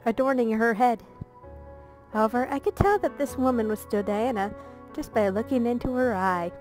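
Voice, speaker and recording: A woman's voice: fairly high pitch, darkish tone, low-quality recording. A woman reading a visual novel aloud as a let's play narrator, playful and breaking off for jokey asides.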